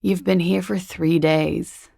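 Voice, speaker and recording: Klaasje, husky, creaky, jaded flirt. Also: female voice, lowish voice, steady tone, slow, mellow, dry recording, studio quality, heavily acted. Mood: coolly amused. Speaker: video game character. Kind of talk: video game dialogue.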